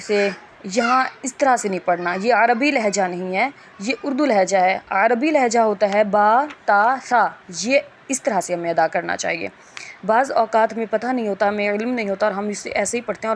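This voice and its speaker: A woman's voice: medium pitch, a little hiss or hum. A woman teaching a Quran reading lesson, explaining rules patiently and stretching out letter sounds as examples. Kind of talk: Urdu lesson lecture.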